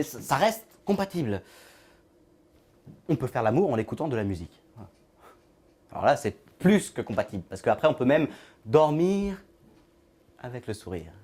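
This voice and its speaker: A rambling, odd loner. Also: male voice, on the high side, a little mellow. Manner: halting, rambling, trailing off into murmurs. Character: odd lonely man with an invisible friend. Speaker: actor in a short film monologue. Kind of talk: film monologue.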